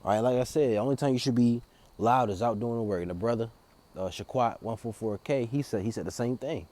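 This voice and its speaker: A man reading Bible verses slowly and then commenting on them in loose, drawling, repetitive street-preacher talk. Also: mid-range voice, dark tone. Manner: drawling, repeats words, slow solemn scripture reading.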